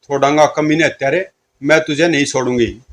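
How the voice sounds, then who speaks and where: A man's voice: fairly high pitch, steady tone, a little fast, fairly bright tone, lightly acted. A man voicing a fierce young woman who defies and curses her enemy. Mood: defiant. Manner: defiant, cursing.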